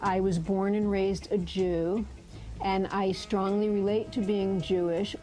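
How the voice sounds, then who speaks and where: A woman in an interview, telling her own story in an even, matter-of-fact way. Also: medium pitch, unhurried, rough recording. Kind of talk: personal interview. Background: loud music.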